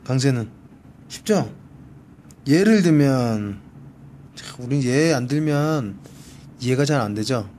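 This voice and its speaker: A man's voice: medium pitch, expressive, slow pace, pauses often, a little mellow, a little hiss or hum. A man teaching a one-on-one Spanish grammar lesson, patiently repeating each word for practice. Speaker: Spanish tutor. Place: library.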